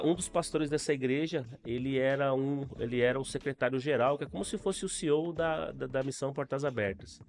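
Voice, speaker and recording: A middle-aged man with a Brazilian accent, a podcast guest giving an earnest, casual testimony full of fillers. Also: mid-range voice. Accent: Brazilian Portuguese. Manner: earnest, storytelling with frequent fillers.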